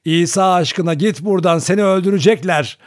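A man's voice: fairly high pitch, a little fast, warm tone, dry recording, voice pushed up, lightly acted. A man voicing a devout old grandmother who pleads anxiously, in a dry storybook reading. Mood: pleading.

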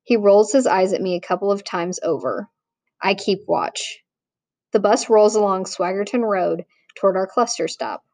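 A woman reading a novel aloud in a plain, measured way, with small restarts. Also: mid-range voice, darkish tone, no echo. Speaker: audiobook narrator. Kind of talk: audiobook reading.

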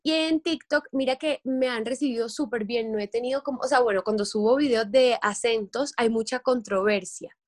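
A woman's voice: a little high, moderate pace, few pauses. A young woman from Colombia's Caribbean coast, a guest chatting casually and acting out quotes. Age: young adult. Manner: chatty, quotes people in lively voices. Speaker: guest, content creator. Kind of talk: casual interview chat.

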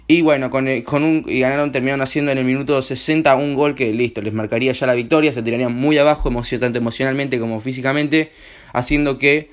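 A young man with an Argentine accent, slightly hoarse, hosting a casual home-made radio show in a rambling, slangy way full of filler words. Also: mid-range voice, steady tone, fast. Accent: Argentine Spanish. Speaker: host.

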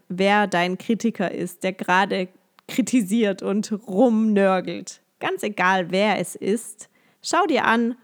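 A woman, a yoga teacher and coach, calmly guiding listeners through a coaching exercise with many gentle questions and frequent light laughs. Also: fairly high pitch. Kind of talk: guided coaching exercise, podcast.

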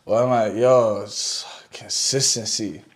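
A young man as a podcast guest in casual chat, relaxed and measured, trailing off with fillers while he eats spicy wings. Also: fairly low pitch.

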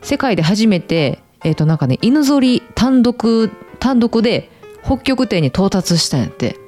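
Lively woman host with an Osaka-area Kansai accent. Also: mid-range voice, normal speed, soft background music. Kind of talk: casual chat with announced segments.

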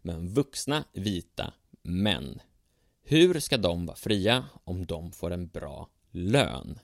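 Male narrator for a history tale, sardonic and dry, low gravelly voice. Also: sing-song, dry recording. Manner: sardonic, ironic. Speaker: storyteller.

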